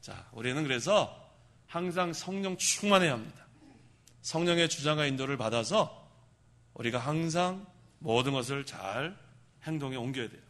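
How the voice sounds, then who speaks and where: A male pastor preaching a sermon. He asks the congregation questions, answers them himself, and shouts for emphasis. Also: lively intonation, moderate pace. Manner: shouts for emphasis, then drops low.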